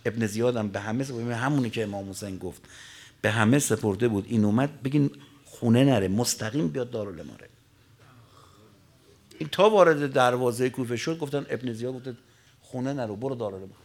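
A man preaching an emotional religious sermon, telling a story with sudden surges of pitch and volume that fall back to a low murmur. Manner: dramatic storyteller, voice surging high and loud then dropping low.

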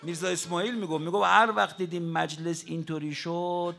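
A man preaching a mourning sermon to a crowd, impassioned, moving between shouting and hushed speech. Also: on the high side, fairly even intonation, gravelly. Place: mosque hall with a mourning crowd. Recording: crowd noise behind the voice.

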